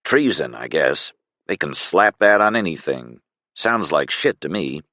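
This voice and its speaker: A man's voice: a bass voice, sing-song, measured pace, bright, forceful tone, no echo, clean studio sound, exaggerated voice. A man doing a surly common soldier. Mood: blunt.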